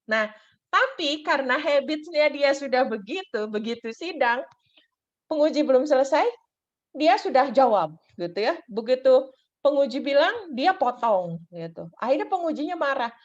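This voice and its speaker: A woman's voice: high-pitched, very animated, normal speed. A woman, a university lecturer giving a casual teaching talk in a chatty way, often adding "gitu ya" and English terms. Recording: dull lo-fi recording.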